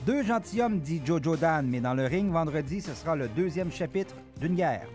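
A man, reporting a sports news story in a measured, crisp delivery. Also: fairly high pitch, lively intonation. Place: sports bar press event. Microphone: handheld mic. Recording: music bed behind.

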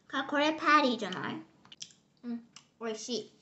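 A woman's voice: on the high side, lively intonation, normal speed, pushed and bright, lo-fi sound. A young girl casually reviewing candy at a home table, chatty and giggly, now and then slipping into English phrases. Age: child.

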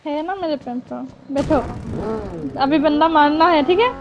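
A young woman gamer with a fairly high voice talks fast and teasingly while playing, breaking into excited shouts. A faint hiss of noise sits under her voice. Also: lo-fi sound. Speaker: gamer streamer. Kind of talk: casual gaming chat.

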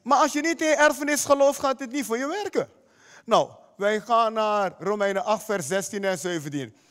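A man's voice: high voice, big-room sound. A man preaching a sermon as pastor, emphatic, often putting direct questions to the congregation. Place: church hall.

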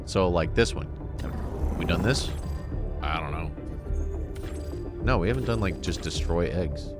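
A man's voice: low voice, animated, unhurried. A man leading a squad in casual, slangy, sometimes profane gameplay chat. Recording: loud game music and gunfire behind.

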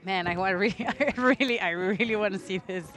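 A woman's voice: medium pitch, fairly quick, a bit bright. A woman giving casual sports commentary as a co-commentator. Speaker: fight co-commentator.

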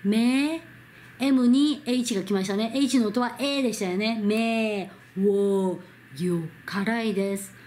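A Korean woman teaching Hangul to learners in Japanese, repeating each sound slowly and drawing it out. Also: fairly high pitch, a little mellow. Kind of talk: slow, careful pronunciation lesson.

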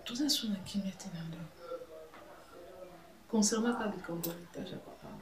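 A woman's voice: mid-range voice, brisk, lightly acted. Woman as pleading daughter, earnest, echoey room. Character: troubled daughter disputing her father's inheritance. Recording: echoey, distant, crowd noise.

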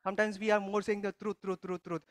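A man with a high voice preaches a conversational church sermon. He often stops to put questions to the congregation and restarts his sentences as he goes. His voice sounds dry and close. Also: level tone, fast talker, no echo. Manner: teaching with frequent questions to the congregation and many restarts. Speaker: pastor. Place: church service.

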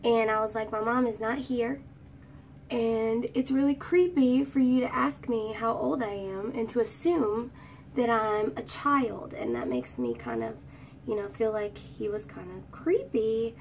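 Her high, girlish voice animated and a little slow, a vlogger in her twenties rambles and sings bits of songs while doing her hair for a chatty get-ready-with-me storytime. The distant phone mic, held at arm's length in a small room, catches faint room ambience and a little hiss or hum.

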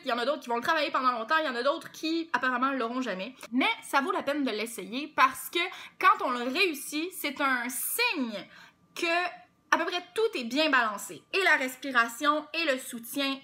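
A young woman with a Québécois accent leads a vocal warm-up lesson. Her voice sits high and bright, and she talks in a playful, animated way while demonstrating sounds. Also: moderate pace. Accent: Québécois French. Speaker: singing teacher.

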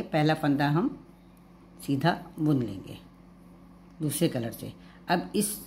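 A woman with a Hindi accent explains a knitting pattern stitch by stitch in a patient, unhurried way. Her voice sits low and warm, never sharp. A faint hiss of background noise stays underneath her words. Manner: calm, patient, repeats each step slowly. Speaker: knitting teacher. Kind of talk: step-by-step knitting tutorial.

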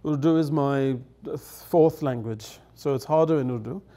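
On a studio set with dark curtains, a guest elder sits at a table telling stories in a chatty manner. He is a middle-aged native English speaker with a mellow, medium-pitched voice at normal speed, and he laughs and voices the quoted lines.

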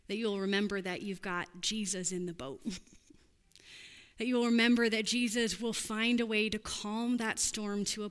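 A woman's voice: mid-range voice, a bit bright, big-room sound. A woman pastor giving a sermon in an earnest, conversational preaching manner, addressing listeners as friends.

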